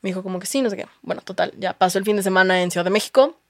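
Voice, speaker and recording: A woman's voice: medium pitch, racing, no echo, clean studio sound. A young woman with a Mexican accent, a guest telling her story in casual chat, candid and full of slang and swearing.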